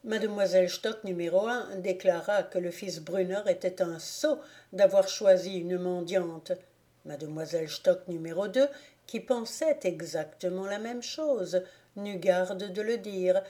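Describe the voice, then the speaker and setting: A woman reading a classic storybook aloud in a measured, expressive way. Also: on the low side. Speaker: audiobook reader. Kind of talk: storybook narration.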